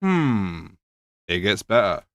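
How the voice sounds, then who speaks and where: A man with a fairly low voice reacts to a video in casual commentary, speaking slowly with big swings in pitch. He sounds slightly nasal and seems to be losing his voice. He is sarcastic, swears, and drops mock-questioning asides.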